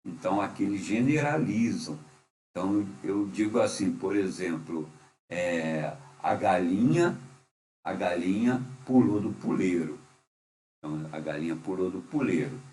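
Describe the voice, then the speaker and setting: Deep guy teaching grammar, repeats stuff, roomy echo. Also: measured pace, darkish tone. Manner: patient, repeats and checks with "certo?". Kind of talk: recorded grammar lesson. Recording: echoey room, faint hum.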